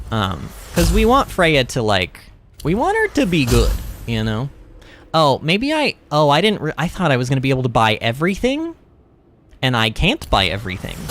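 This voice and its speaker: A young man hosting a game livestream, chatting loosely and answering his chat as he plays. He rambles and laughs easily. His fairly high voice leaps up and down with lively swings in pitch. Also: slight background noise. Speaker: streamer. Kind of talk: livestream gaming commentary.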